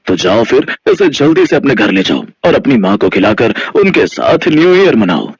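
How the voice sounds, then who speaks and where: A man voicing a gentle, generous male ghost who speaks in a soothing, reassuring way. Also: mid-range voice, sing-song, moderate pace, gravelly, breathy edge, dry recording, full character voice. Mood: kindly. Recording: dull lo-fi audio.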